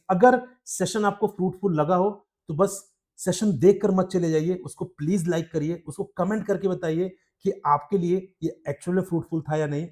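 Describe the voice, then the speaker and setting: A man's voice: high voice, darkish tone. A man tutoring law exam students, explaining strategy in a direct, advising way and often checking in with "okay?". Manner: explains in Hindi mixed with English, asks "ठीक है?" often.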